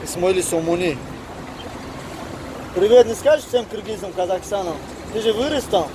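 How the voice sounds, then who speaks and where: Male street vlogger, Tajik accent in Russian, high voice, teasing banter, noisy outdoor recording. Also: normal speed. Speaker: street vlogger interviewing a taxi driver.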